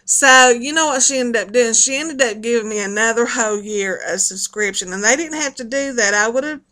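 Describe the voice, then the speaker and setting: A woman's voice: a little high, fairly quick, pushed and bright, low-quality recording. A middle-aged woman with a folksy Appalachian accent, chatting casually and rambling along to her online viewers. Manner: folksy, chatty, laughs often. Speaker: video blogger.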